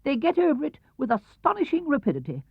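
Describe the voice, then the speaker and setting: A man voicing a bossy, self-assured rabbit in a children's storybook, brisk and emphatic. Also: very high-pitched, wildly swooping pitch, gravelly, dry recording, pitched above the performer's own voice, exaggerated voice. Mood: confident, explaining. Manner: brisk, emphatic, explaining with authority. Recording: muffled 1970s cassette-era recording.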